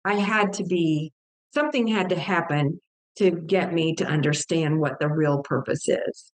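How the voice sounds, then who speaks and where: A woman's voice: deep voice, a little slow. Older woman telling an earnest testimony. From Texas. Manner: earnest, emotional storytelling with vivid quoted dialogue. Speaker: guest author. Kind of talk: personal testimony in an interview.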